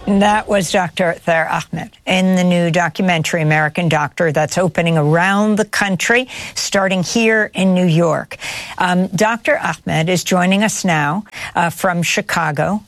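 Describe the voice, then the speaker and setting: A woman hosting a news program, introducing a film and guests in a measured, formal way. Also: fairly low pitch, no room sound. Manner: measured, formal delivery with occasional fillers. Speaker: news host. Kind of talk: broadcast news presenting.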